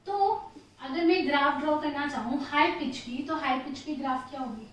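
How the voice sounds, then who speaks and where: High-voiced woman teacher in an echoey room. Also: moderate pace, a bit bright, far from the mic. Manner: explains step by step, poses questions and answers them herself; mixes Hindi with English phrases, often says "theek hai". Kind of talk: classroom physics lesson.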